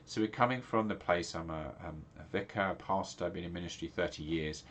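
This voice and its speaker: A little hiss or hum accompanies a low, brisk, fairly bright male voice. It's a middle-aged pastor from England in a casual video talk, his stuffy, nasal delivery rambling with plenty of ums and restarts.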